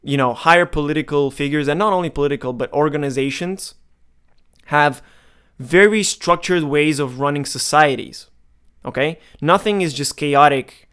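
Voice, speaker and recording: A man in his twenties, originally from Romania, talks straight to the camera in a frank, emphatic way. His voice sits a little high and sounds smooth and clear. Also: moderate pace, fairly bright tone. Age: 20s. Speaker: marketing vlogger. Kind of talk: casual direct-to-camera monologue.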